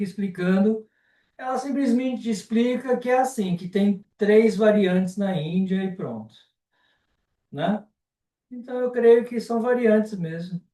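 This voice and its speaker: A man with a Brazilian Portuguese accent teaching a live online class, unhurried and often ending sentences with a checking question. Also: sits high, mellow, recorded from a distance. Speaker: Sanskrit teacher. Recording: roomy and off-mic.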